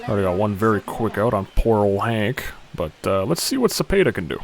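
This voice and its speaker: A young man giving excitable play-by-play commentary on a video game, shouting on big hits and muttering quieter asides. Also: on the low side, brisk, vocal fry. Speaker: gaming YouTuber.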